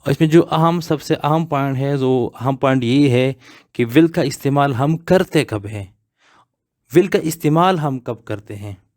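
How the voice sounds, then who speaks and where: Slow, drilling male grammar teacher. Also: medium pitch, a little mellow. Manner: repeats example words one by one in a drilling way; asks rhetorical questions and then answers them. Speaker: English teacher. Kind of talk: grammar lesson explained slowly.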